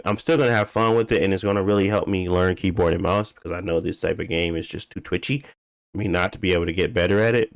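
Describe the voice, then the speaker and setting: This deep-voiced podcast co-host keeps the video game talk casual and informal, thinking aloud as he goes, and the recording is dry with no room sound around him.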